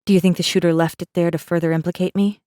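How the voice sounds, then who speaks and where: A fast-talking woman with a lowish, level voice that's warm and smooth, close to everyday speech, captured in clean studio sound without room noise. She plays a rebel messenger, guarded and wry, narrating her own story in a space fantasy audiobook, her first-person telling intimate and sardonic with a wary, brooding mood.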